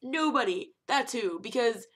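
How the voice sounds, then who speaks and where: A young woman talking casually to camera in a vlog, animated and rambling, with emphatic rhetorical questions. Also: a little high, measured pace. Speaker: vlogger.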